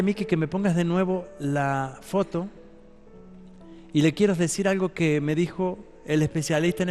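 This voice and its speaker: Pastor, hombre, tono algo alto, sermón enfático; sala con eco largo y música suave de fondo. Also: male voice, on the high side, a little mellow, long reverb tail. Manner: emphatic, addresses the congregation directly. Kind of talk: sermon.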